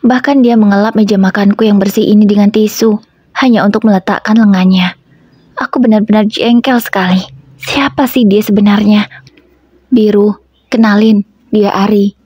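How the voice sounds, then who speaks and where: A woman's voice: medium pitch, fairly even intonation, a little fast, dark tone, slightly rough, no echo, studio quality. A woman narrating an emotional first-person story about her marriage, with an indignant tone.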